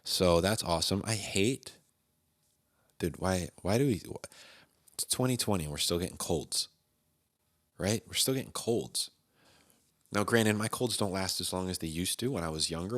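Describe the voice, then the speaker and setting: A man in his thirties hosting a casual solo podcast, rambling and joking, his nose stuffed up from a cold. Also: sits low. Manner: rambling, jokey, self-deprecating. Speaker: podcast host.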